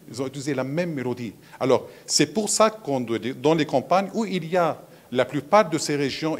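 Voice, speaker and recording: A man, a musicologist explaining things at a round table, with frequent hesitations. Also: mid-range voice. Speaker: musicologist on a panel. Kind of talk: round-table lecture talk.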